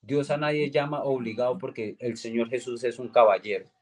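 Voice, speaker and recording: Young adult man, mid-pitched; earnest faith testimony that slips into other people's voices for quoted lines. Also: steady tone, a little fast, darkish tone. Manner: earnest storytelling, acts out quoted dialogue with raised pitch. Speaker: guest giving a religious testimony.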